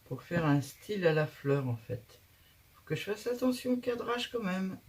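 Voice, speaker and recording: A woman's voice: mid-range voice, sing-song, normal speed, darkish tone. A woman hosting a casual craft tutorial, chatting and thinking aloud as she works, with frequent hesitations.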